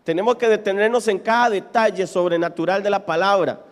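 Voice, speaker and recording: A man preaching a sermon as pastor to a live congregation, animated and dramatic, questioning the listeners directly and acting out scenes from the text. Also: high-pitched, a little fast. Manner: animated, dramatic preaching, acts out Bible quotes. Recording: reverberant church hall with keyboard music.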